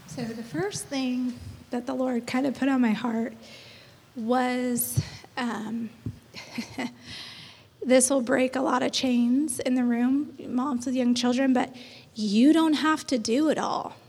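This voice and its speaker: A woman's voice: sits high, steady tone, takes it slowly, a little mellow, slightly rough. A woman in her thirties speaking on a church panel in a chatty, encouraging way, laughing often. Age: 30s. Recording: long hall reverb.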